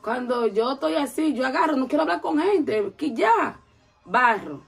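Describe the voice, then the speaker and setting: A woman's voice: high-pitched, moderate pace, gravelly, breathy edge, faint music behind. A woman telling a long story in a casual interview, acting out the voices of the people in it. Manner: animated, acts out quoted voices.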